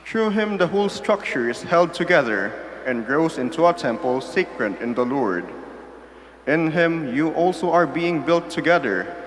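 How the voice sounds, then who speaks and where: A man's voice: a little high, animated, unhurried. A man reading scripture formally as a lector at Mass, in cathedral echo. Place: large echoing church. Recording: cathedral echo, faint background noise.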